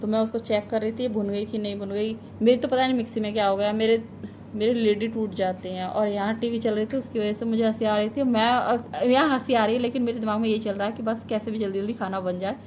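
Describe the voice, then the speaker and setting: A woman's voice: a little high, steady tone, fast talker, a little mellow, a little hiss or hum. A woman in her thirties, a mother, talking casually through a family vlog with a homely, advice-giving manner. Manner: chatty, homely, advice-giving, drifting into heartfelt reflection.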